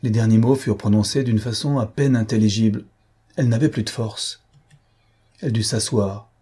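Brief: male audiobook reader, measured narration, dark mellow tone. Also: on the low side, breathy edge. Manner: measured, steady storytelling. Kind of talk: scripted narration.

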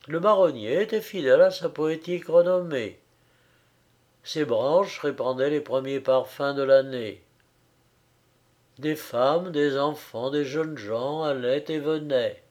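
A man narrating classic fiction in a measured, expressive audiobook reading. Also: a little high, lo-fi sound.

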